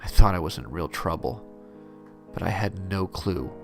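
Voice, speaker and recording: A man narrating a parody horror story in a deadpan first-person telling. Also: deep voice, normal speed, vocal fry, faint music behind.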